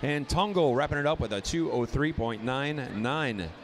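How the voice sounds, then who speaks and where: A man's voice: mid-range voice, a little hiss or hum. A man announcing and calling races at a swim meet, reading lane after lane of names and times. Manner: rapid lane-by-lane roll call, rising excitement on close finishes.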